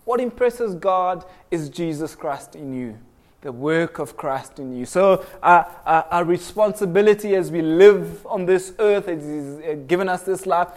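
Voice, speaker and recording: Man, young, from Kenya, preacher, sermon, earnest, repetitive emphasis, slightly high voice. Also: expressive, measured pace. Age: young adult. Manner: earnest, repeats phrases for emphasis, frequent restarts.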